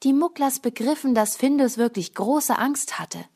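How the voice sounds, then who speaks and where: A woman narrating a children's storybook aloud in a calm, even manner. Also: sits high, moderate pace. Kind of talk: storybook reading.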